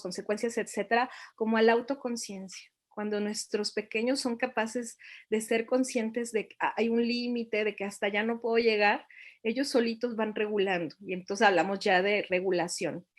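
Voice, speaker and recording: A middle-aged woman, giving a reflective talk to parents and asking them many questions. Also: on the high side.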